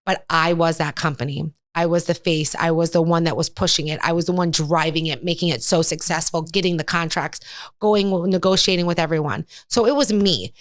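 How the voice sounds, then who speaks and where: Middle-aged woman guest, low-ish voice, dry close mic, earnest storyteller. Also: steady tone, brisk, dry recording. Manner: candid and earnest, telling a personal story. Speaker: podcast guest. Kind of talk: casual interview chat.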